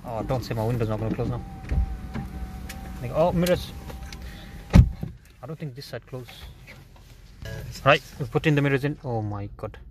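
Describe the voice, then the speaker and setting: A man's voice: mid-range voice, normal speed, long pauses. A young man, vlogging in casual, slangy banter from inside a car at a drive-thru car wash, filmed on a phone. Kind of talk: casual chat. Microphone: phone camera. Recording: noisy car wash background. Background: car wash noise.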